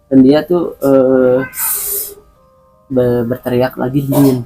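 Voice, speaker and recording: A man's voice: mid-range voice, moderate pace, darkish tone, slightly rough, soft background music, poor audio. A man guest in an interview, recounting a personal experience in a hesitant way, repeating words and using many fillers.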